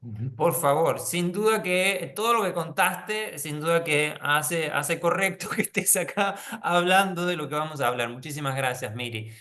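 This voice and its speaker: A man hosts an online panel and banters in a friendly way with his guests. His voice is bright and crisp, sitting a little high. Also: moderate pace, hardly any pauses. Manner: friendly, joking interviewer. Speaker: interview host.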